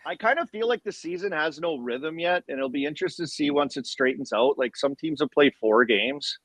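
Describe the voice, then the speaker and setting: A man's voice: on the high side, brisk, fairly bright tone, dry recording. Guy, hockey bro type, slangy chirpy sports chat, really dry recording. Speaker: former hockey player guest.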